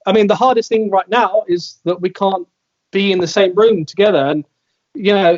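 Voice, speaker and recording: A man's voice: high-pitched, moderate pace, lo-fi sound. A man, a band member chatting in an interview, with lots of "like" fillers. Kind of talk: casual video call interview.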